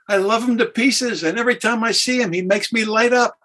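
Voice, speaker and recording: A man's voice: extremely high pitch, fairly quick, bright, forceful tone, voice pushed up, exaggerated voice. A man playing a heavenly father bursting with pride over his son, his voice jumping well above its usual register. The delivery is exuberant and affectionate, with plain, homespun phrasing. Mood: beaming, doting.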